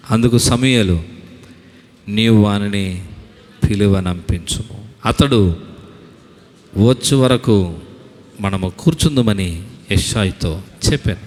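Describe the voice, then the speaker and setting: A man preaching in speech at an even, middle pitch, his voice carried by a long reverb through a church hall. He leads the congregation in call-and-response, urging them to say lines back to him. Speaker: pastor. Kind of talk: sermon.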